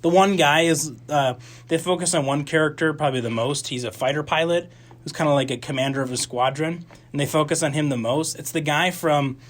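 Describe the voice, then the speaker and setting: A young man with a slightly raised pitch co-hosts a campus radio movie show. He talks in a loose, rambling way, restarting his sentences and piling on fillers as he reviews films. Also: a little fast. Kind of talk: casual movie review chat.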